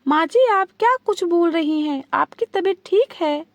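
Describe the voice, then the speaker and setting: Woman reading as a gentle young daughter-in-law. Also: very high voice, lively intonation, a little slow, no room sound, heavily acted. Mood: concerned.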